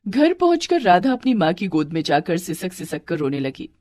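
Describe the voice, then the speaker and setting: A woman reading scripted storybook narration in a steady, clear storytelling voice. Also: on the low side, normal speed, no room sound, studio quality.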